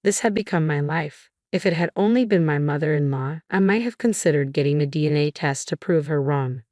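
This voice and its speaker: A woman reading a first-person family drama story in an even, measured way. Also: low voice, no echo, studio quality. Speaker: narrator.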